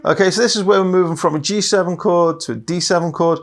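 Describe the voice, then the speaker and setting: A guitar teacher with a high voice talks fast while giving a casual, step-by-step lesson, with guitar playing in the background. He explains patiently and counts off each part with a relaxed "okay."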